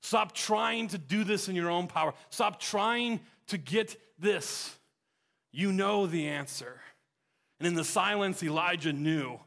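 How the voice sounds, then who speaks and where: A man preaching a sermon, retelling scripture with dramatic swings from loud emphasis to hushed, near-whispered lines. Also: fairly high pitch.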